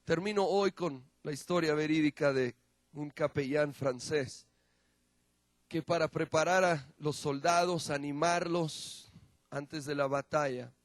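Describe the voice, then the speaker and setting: Impassioned high-voiced male preacher. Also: no room sound. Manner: impassioned preaching, dramatic swings from loud to hushed; slow, drawn-out emphasis on key words. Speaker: pastor. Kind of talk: sermon.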